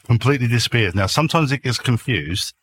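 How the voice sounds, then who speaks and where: A man's voice: mid-range voice, fast. A man on a podcast as a guest, talking jokily through a noise-cancelled desk mic and laughing often. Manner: jokey, animated storyteller who laughs often. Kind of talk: casual chat.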